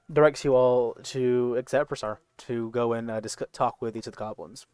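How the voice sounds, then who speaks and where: A man's voice: mid-range voice, clean tone, no echo. Guy game mastering online, clean dry sound, slangy n casual, stumbles along as he narrates. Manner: halting, informal, slangy.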